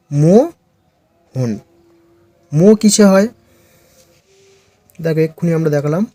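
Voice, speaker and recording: A male teacher slowly drilling English letter sounds for beginners, his first language Bengali. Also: a little high, mellow, no echo. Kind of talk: phonics lesson for beginners.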